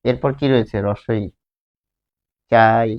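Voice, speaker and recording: A man teaching a grammar lesson, explaining slowly and repeating words while drawing out their sounds. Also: mid-range voice, steady tone, muffled recording.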